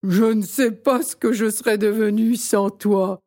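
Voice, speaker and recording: A plump, jolly old Santa from a storybook, booming out slow, hearty exclamations. A woman narrator acts him out. The voice sits close and dry. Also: fairly even intonation, dark tone, no room sound, close to an everyday voice.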